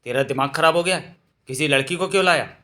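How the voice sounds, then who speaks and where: A man's voice: fairly high pitch, fast, pushed and bright. A man voicing an anxious village mother who scolds her son, in a storybook reading. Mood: scolding.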